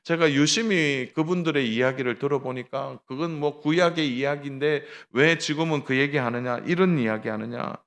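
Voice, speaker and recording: A man's voice: on the high side, moderate pace, few pauses, fairly bright tone. A middle-aged male pastor giving a Sunday sermon, telling a story with acted dialogue and addressing the congregation directly.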